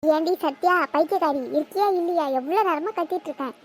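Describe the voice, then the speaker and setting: A woman voicing a loud, whiny teenage village girl in a cartoon, who shouts and teases. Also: fast. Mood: scolding. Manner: shrill shouting and teasing. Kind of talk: cartoon voice acting.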